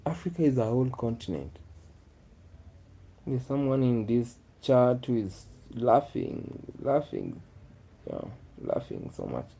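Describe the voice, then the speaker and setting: A man's voice: mid-range voice, very animated, unhurried, gravelly, pauses often, warm tone, breathy edge. A man, chatting casually with his viewers in a musing way, often repeating his phrases. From Kenya. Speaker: vlogger. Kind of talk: casual live chat with viewers.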